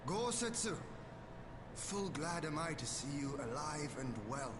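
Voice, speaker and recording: An actor playing a noble, earnest young warrior lord in a game cutscene, with formal, archaic, measured phrasing. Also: male voice, a little high, animated. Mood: glad, warm. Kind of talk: dramatic game cutscene acting. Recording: game audio with clear background noise.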